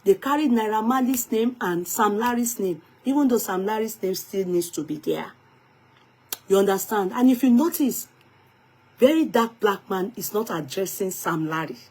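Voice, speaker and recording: A woman's voice: medium pitch, lively intonation, normal speed, a little mellow. A woman with a Nigerian accent giving emphatic gossip commentary in a vlog, slipping into pidgin and Yoruba phrases. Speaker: vlogger.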